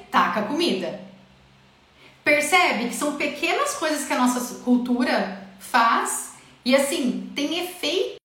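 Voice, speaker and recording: Woman, high voice, very echoey room, animated, questions to viewers. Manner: animated, asks listeners questions, acts out parents' lines. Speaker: speaker on eating habits. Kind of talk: live-stream talk to viewers.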